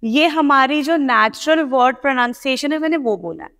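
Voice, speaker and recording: High-voiced woman teaching in a reverberant hall. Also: normal speed, fairly bright tone. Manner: explanatory, addresses students directly. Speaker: PTE coaching teacher. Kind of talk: spoken lesson in Hindi-English mix.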